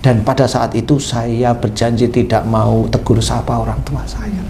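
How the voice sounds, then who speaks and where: A man preaching a slight touch, telling a story in a lively way. His voice is mid-pitched, and he acts out both sides of a conversation. Faint room noise sits behind him. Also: normal speed, gravelly. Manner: animated, acts out dialogue with a patient. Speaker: Islamic preacher. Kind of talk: sermon storytelling.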